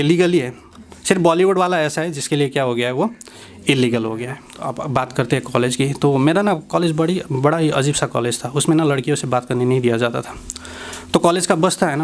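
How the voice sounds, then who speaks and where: A man from India doing a conversational standup comedy set who keeps checking in with the crowd. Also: fairly high pitch. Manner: conversational, keeps asking "hai na?".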